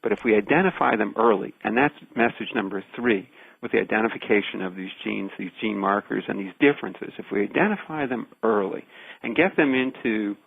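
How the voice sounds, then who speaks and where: A man gives careful, emphatic explanations as a radio interview guest. His mid-pitched voice is gravelly and husky, and it comes through a narrow, phone-like line. He stacks short phrases to drive each point home. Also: no room sound. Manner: deliberate, emphatic, builds points in repeated phrases. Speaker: research scientist, interview guest.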